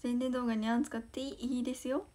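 A fast-talking teenage girl from Osaka with a fairly high, mellow voice and flat delivery hosts an idol livestream. In her Kansai accent, she giggles bashfully while reading fan comments and expressing thanks.

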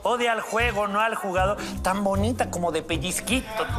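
A man's voice: high-pitched, moderate pace. A man hosting a comedy game show, teasing his guests and counting down rounds. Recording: loud music and audience.

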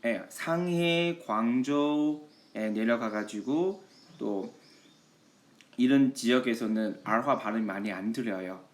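A man teaching a lesson in Korean, patiently and with frequent affirming interjections. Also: medium pitch. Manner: patient, repeats "예" often, slow model readings of Chinese. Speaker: Chinese language teacher. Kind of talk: online language lesson.

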